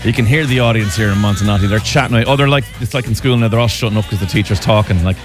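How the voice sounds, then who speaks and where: A man's voice: on the low side, rapid-fire, over music. An Irish man hosting a live radio quiz with casual, jokey, teasing banter. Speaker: radio host and quizmaster.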